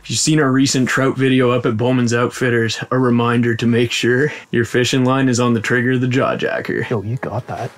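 A man in his thirties from Ontario hosts a cheerful, talkative outdoor fishing vlog, filmed with a camera mic on a frozen lake and in a small tent. His mid-range voice holds a steady tone as he talks fairly quickly with hardly any pauses, and there's no room sound.

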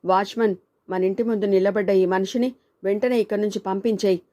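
A woman's voice: medium pitch, fairly even intonation, a little fast, dark tone, dull audio, close to an everyday voice. A woman voicing an angry older father figure in a storybook reading, mocking and contemptuous.

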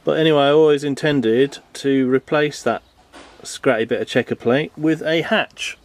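Out in a garden workshop, a man renovating a boat talks viewers through the repair on a handheld camera. He has a medium pitch, a steady tone and a normal speed. The commentary is casual and rambling, full of ums and jokes at his own expense.

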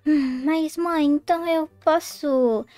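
A woman's voice: high-pitched, fairly even intonation, slow, dark tone, soft background music. A woman voicing a skeptical, exasperated teenage girl in a game roleplay. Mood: fed-up. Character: teenage girl, fed up with her parents' fights, skeptical.

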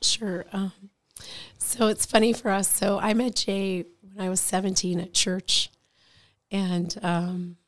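A woman in her forties, a guest in a radio studio, telling a story in a chatty, animated way with many fillers. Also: medium pitch, takes it slowly. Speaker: guest, insurance agency owner. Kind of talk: casual storytelling interview.

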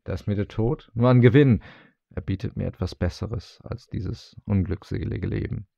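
A bewildered young fisherman cries out his grief in pleading bursts, put on by a man reading aloud. The voice is low and gravelly under the strain. It comes through a dull, dry lo-fi recording. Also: normal speed, dry recording. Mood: anguished. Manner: pleading, anguished outcries.

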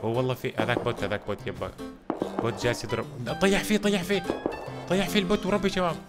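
Young male gamer streamer, rapid-fire excitable commentary with loud outbursts, slightly high voice, over background music. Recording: music playing under the voice.

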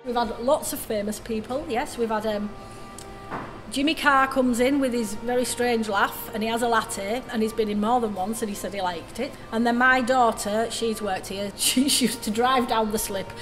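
A woman with a slightly high voice tells stories with lively energy, laughing along. Light music sits under her. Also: normal speed. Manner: lively, laughing, animated storytelling. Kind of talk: casual anecdote interview.

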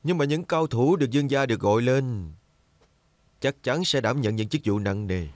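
A man's voice: medium pitch, moderate pace, no echo, lightly acted. A man voicing a scheming young lord. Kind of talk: dubbed TV drama.

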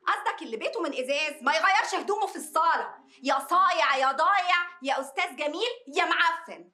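A high, bright Egyptian journalist. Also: female voice, lively intonation. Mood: mocking. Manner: quick, mocking retorts. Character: sharp-tongued divorced woman journalist.

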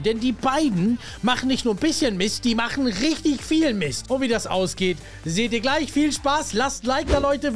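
A young man with a high voice doing let's play commentary, role-playing as a babysitter. He talks loudly and excitably, in an exaggerated way, often breaking into shouts. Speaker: gaming YouTuber.

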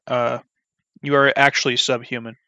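A man's voice: medium pitch, little pitch movement, moderate pace, pushed and bright, no echo. A man giving casual gameplay commentary as a gaming YouTuber, rambling bluntly with many ums and restarts. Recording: slightly dull, dry recording.

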